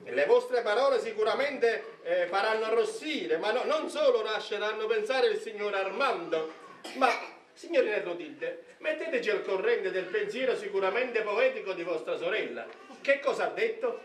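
High-pitched flustered matchmaker played by a man. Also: animated, moderate pace. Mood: fawning. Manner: stammering, repeats phrases insistently. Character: flustered, coaxing middle-aged matchmaker, fawningly polite. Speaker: stage actor. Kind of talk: live Italian stage comedy acting. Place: indoor theatre stage with audience. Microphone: far camera. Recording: roomy theatre stage, distant microphone, audience noise.

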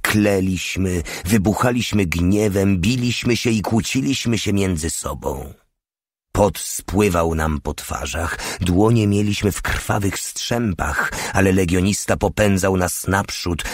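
Guy reading a war novel aloud, really low voice, dry close sound, steady pace. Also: dry recording. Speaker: audiobook narrator.

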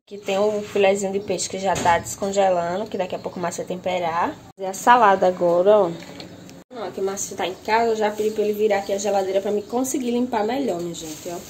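On the street and later in a tiny home kitchen, a young Brazilian woman films a casual, chatty vlog on her handheld phone, greeting viewers with "minha gente" as she runs errands and cooks. Her medium-pitched voice is steady and slightly dark, and she talks quickly over noticeable background noise.

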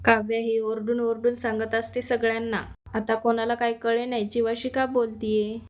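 A woman's voice: a little high, flat delivery, moderate pace. A woman casually recapping a TV serial episode, talking straight to her viewers. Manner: chatty, addresses the audience directly.

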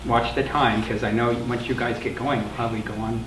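An older man, the interviewer and moderator of an oral history panel, gives a casual, conversational introduction in a meeting room with a small audience. He has a medium-pitched voice, fairly even intonation and a fairly quick pace, with a loud crowd audible. A distant mic makes it roomy, and background noise comes through clearly.

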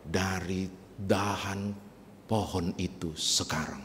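A man voicing a calm, fatherly God who answers gently and quietly, in a reverberant church. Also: low voice, slow. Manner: gentle, reassuring, hushed. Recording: reverberant church with faint hiss.

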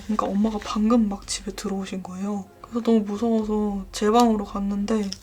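Young woman vlogger, mid-pitched, chatty horror storyteller who sinks to a whisper for the creepy beats. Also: a little hiss or hum. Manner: slips into hushed whispers at scary turns. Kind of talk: casual horror storytelling while journaling.

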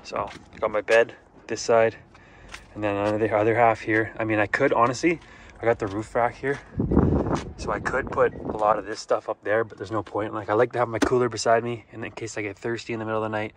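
A man's voice: lowish voice, little pitch movement, fairly quick. A young man, narrating a casual camping vlog in a laid-back, slangy way from a parking lot and his car. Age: young adult. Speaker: vlogger. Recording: loud outdoor and vehicle noise.

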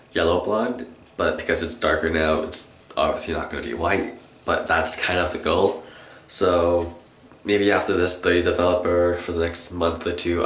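Very deep-voiced young man, soft w-like Rs. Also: a little hiss or hum. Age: young adult. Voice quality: trouble pronouncing R sounds, says w for r. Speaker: vlogger. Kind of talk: casual chat to camera. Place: small bathroom, indoors. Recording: echoey small-room camera recording.

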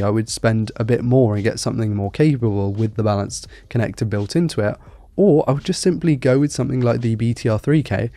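A man's voice: fairly low pitch, dark tone, dry recording. A man reviewing a music player, talking candidly and thinking aloud, his voice nasal from a cold. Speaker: tech reviewer. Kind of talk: casual product review.

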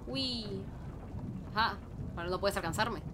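A woman's voice: medium pitch, a little slow, noisy background. A woman doing casual, playful live commentary as a horror game streamer, talking to chat and to the game, exclaiming when startled.

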